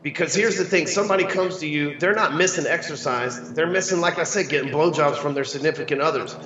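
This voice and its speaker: Male interview guest, slightly high voice, brash and profane, casual slangy delivery, dull roomy recording. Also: quick pace, far from the mic, a crowd in the background. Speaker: sales coach, interview guest.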